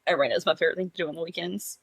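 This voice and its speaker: A woman's voice: lowish voice, steady tone, rapid-fire, slightly rough, dry recording. A young woman co-hosting a podcast in casual, chatty talk, giggling often and using lots of filler words. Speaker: podcast co-host. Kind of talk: casual chat.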